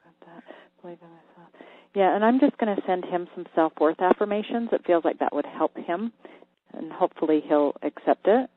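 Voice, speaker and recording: A radio host giving an energy healing reading to a caller, calm and halting, sometimes dropping to a whisper while checking. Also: mid-range voice, no echo. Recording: thin phone-like line, dry.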